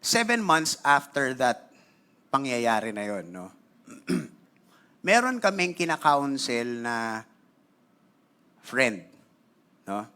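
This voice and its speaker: A man with a Filipino accent preaches to his congregation in an animated, chatty storytelling sermon. His voice is bright and forward. He moves easily between two languages and keeps clearing his throat. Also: mid-range voice, slow pace, long pauses. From Philippines. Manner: animated, conversational, switching between Tagalog and English. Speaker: pastor.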